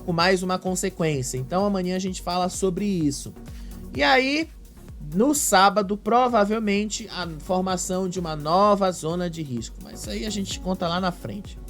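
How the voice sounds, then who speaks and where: High-voiced Brazilian man recapping gossip. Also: moderate pace, fairly bright tone, soft background music. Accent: Brazilian Portuguese. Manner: chatty, retells fights with emphatic rises. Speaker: reality show commentator. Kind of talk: casual commentary recap.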